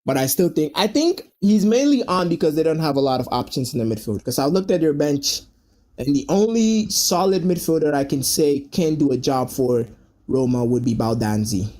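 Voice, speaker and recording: A man hosting a live football watch-along, chatting casually to viewers and getting excited when a chance comes. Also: normal speed. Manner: chatty, jumping up in pitch at chances on goal. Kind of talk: casual live match commentary to a chat.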